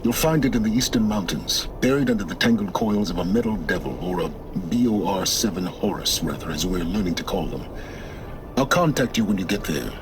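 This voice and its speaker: Voicing a game character, a man plays an aloof, chilly scholarly mentor in a cutscene, his natural, lowish voice carrying lively intonation. The lines come out clipped, condescending, slow and deliberate, with clear background noise in the game audio.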